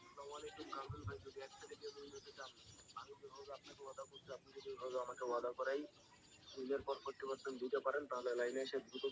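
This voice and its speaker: A man's voice: completely flat delivery, fast talker, very noisy. A man leaving an urgent, pushy voice message, pressing listeners to call him right away. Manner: urgent, pushy sales pitch. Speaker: tipster recruiting paying members. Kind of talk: recorded voice message.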